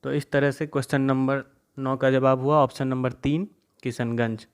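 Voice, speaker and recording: A man's voice: medium pitch, flat delivery, normal speed, clear, resonant tone. A young man teaching an exam-prep quiz lesson, reading each question and its options aloud, then explaining the answer, into his talk. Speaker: current affairs quiz teacher.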